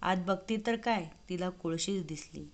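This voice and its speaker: A woman narrating a devotional fasting story in an expressive, measured reading. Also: on the low side.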